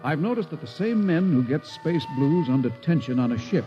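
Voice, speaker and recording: An actor playing a wry, grumbling ship's doctor in a 1950s radio drama. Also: male voice, on the high side, lively intonation, a little fast, warm tone, lightly acted. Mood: matter-of-fact, dry. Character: dry, grumbling male ship's doctor, wryly pessimistic. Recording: dull vintage radio recording, music behind.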